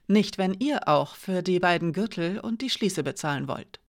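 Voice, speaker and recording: A sharp, shrewd merchant woman with a proud, clipped way of bargaining, voiced by an audiobook reader. The delivery is curt and businesslike. The sound is dry and close, with no room around it. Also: medium pitch, animated, normal speed, no echo, natural voice. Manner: curt, sharp, then softly solemn. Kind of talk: audiobook character reading.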